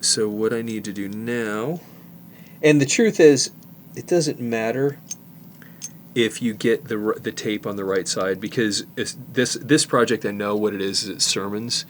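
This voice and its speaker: A middle-aged man with a fairly low voice speaks a little slowly over a faint hiss or hum. He's showing a hands-on cassette repair in his workshop, relaxed and thinking aloud with restarts and asides.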